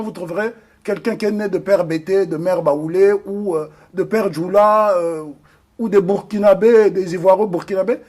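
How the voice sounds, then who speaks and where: This interview guest from the Republic of the Congo speaks in a high-pitched voice with a darkish tone. His manner in the interview discussion is earnest and emphatic, broken by frequent hesitations.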